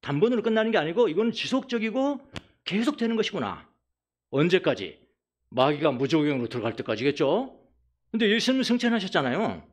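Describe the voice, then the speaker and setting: A man preaching a Sunday sermon as pastor, repeating phrases for emphasis, acting out mockers' voices and letting phrase ends drop quietly. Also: sits high, big pitch swings, fairly quick.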